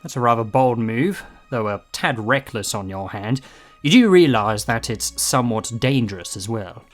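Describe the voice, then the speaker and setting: A man's voice: medium pitch, expressive, normal speed, faint music behind, lightly acted. A man playing a confident, jovial, time-travelling adventurer in an audio drama, breezy and theatrical in his delivery. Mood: intrigued.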